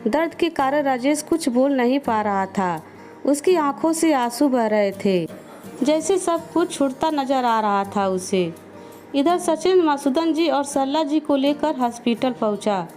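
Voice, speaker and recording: A woman narrating a family drama story in a plain, even scripted reading. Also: sits high, unhurried, soft background music.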